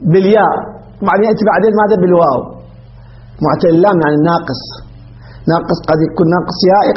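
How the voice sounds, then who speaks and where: Man, high voice, grammar lesson teacher, asks and answers his own questions, dull lo-fi sound.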